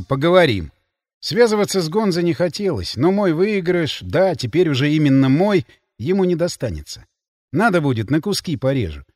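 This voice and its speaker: A man narrating first-person fiction in an expressive, dramatic reading. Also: fairly high pitch, no echo, clean studio sound. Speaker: audiobook narrator.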